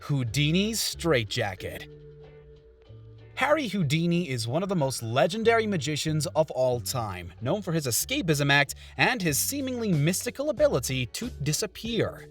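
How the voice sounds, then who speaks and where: A man's voice: a little high, big pitch swings, moderate pace, faint music behind. A man reading scripted top ten countdown narration in a punchy, breezy way.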